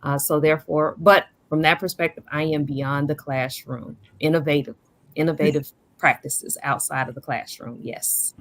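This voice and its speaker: A woman, a former teacher turned education consultant, speaking haltingly with fillers and repeated words on a video call. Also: low voice, steady tone.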